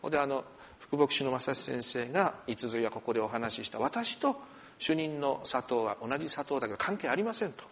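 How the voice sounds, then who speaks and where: Male senior pastor, sermon delivery, animated storyteller with a lively pitch, church hall. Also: brisk. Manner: expressive storyteller, animated asides. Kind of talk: sermon with opening prayer.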